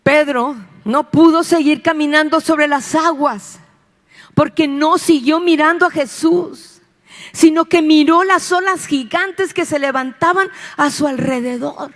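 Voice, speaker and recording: A woman's voice: sits high, steady tone, a little slow, a bit bright. A woman pastor preaching an impassioned sermon, repeating phrases and asking rhetorical questions. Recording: long reverb of a church hall.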